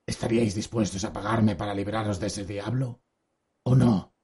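An actor playing a calm, patient monster hunter who speaks formally, in an audiobook drama. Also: male voice, on the low side, moderate pace, slightly rough. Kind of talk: audiobook radio drama acting.

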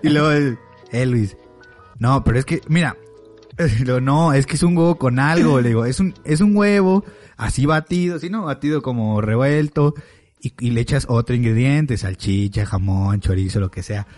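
A young man with a Mexican accent, hosting a podcast and telling a story among friends in an animated way, acting out his friends' lines. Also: mid-range voice, moderate pace, faint music behind. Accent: Mexican Spanish. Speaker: podcast host.

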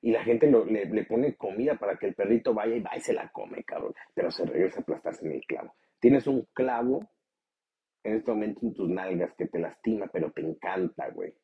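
A man's voice: expressive, a little fast, husky, muffled recording. A man with a Mexican accent hosting a motivational podcast, talking bluntly with lots of swearing and pushy challenges to the listener. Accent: Mexican Spanish. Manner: blunt, profane, swings into high mocking voices. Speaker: podcast host.

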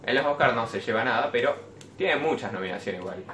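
A man's voice: medium pitch, fast talker. Young Rioplatense man, echoey room. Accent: Rioplatense Spanish. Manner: blunt, swears freely, lively when excited. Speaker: podcast host. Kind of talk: casual film chat with friends. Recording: echoey room with faint noise.

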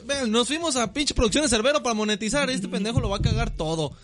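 A man's voice: very high voice, fast. A man with a Mexican accent co-hosting a podcast, bantering crudely, teasing his partner and laughing a lot. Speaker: podcast co-host.

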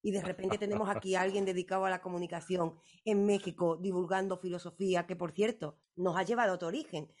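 A woman's voice: lowish voice, steady tone, quick pace, hardly any pauses, darkish tone. A woman, interviewing a guest on the radio with enthusiasm.

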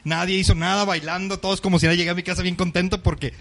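A man's voice: high-pitched, level tone, a bit bright. A young man with a Mexican accent telling a funny story in casual podcast chat, full of slang and laughing as he talks. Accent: Mexican Spanish. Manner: rapid slangy storytelling, constant "güey", laughs while talking.

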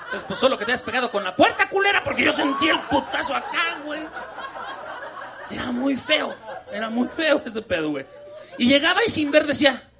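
A young man with a Mexican Spanish accent performs stand-up, crude and slangy, laughing as he goes. His voice sits high and swings widely in pitch. A live audience is clearly heard laughing behind him. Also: sing-song, fairly quick, a crowd in the background. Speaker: stand-up comedian. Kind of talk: stand-up comedy set. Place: comedy venue with a live audience.

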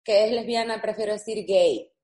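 A woman's voice: medium pitch, normal speed, dark tone, echoey room. A woman co-hosting a talk show, giving her opinions emphatically. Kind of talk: casual chat.

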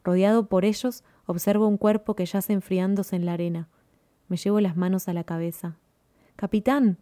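A woman narrating a story in a measured, even reading. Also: lowish voice, no room sound, clean studio sound.

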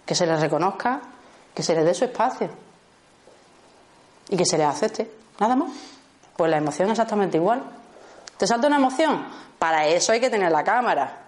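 A woman with a Spanish accent, teaching a small group in a lively way, acting out short exchanges and often checking in with her listeners. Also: mid-range voice, fairly quick, pauses often. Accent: Spanish from Spain. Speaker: workshop teacher.

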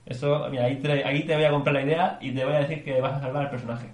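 A man co-hosting a podcast in casual chat, excitable and swearing as he weighs ideas aloud. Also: mid-range voice, racing, echoey room. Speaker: podcast co-host.

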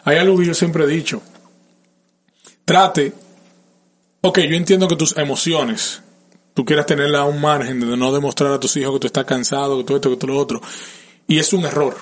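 A man's voice: fairly high pitch, fairly even intonation, moderate pace, pauses often. A man, a parent, talking in a casual conversation and earnestly giving advice straight to listeners about feelings and family. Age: adult parent. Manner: emotional and open about feelings.

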